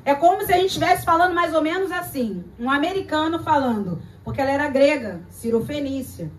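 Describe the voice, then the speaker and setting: A woman's voice: sits high, animated, a little fast, far from the mic, a little hiss or hum. A Brazilian woman pastor preaching a sermon in a dramatic storytelling way, acting out voices and repeating phrases. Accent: Brazilian Portuguese.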